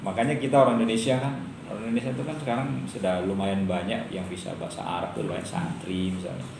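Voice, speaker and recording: A man's voice: on the low side, little pitch movement, quick pace, gravelly. Middle-aged male lecturer, casual and joking, tosses rhetorical questions to the class; roomy room, faint noise. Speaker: university lecturer.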